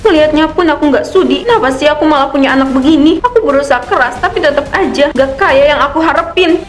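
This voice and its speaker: A woman's voice: high voice, quick pace, faint music behind, lightly acted. A woman voicing a vain, complaining young mother and wife in a cartoon. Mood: frustrated, tearful. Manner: whiny and complaining. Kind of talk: cartoon voice acting.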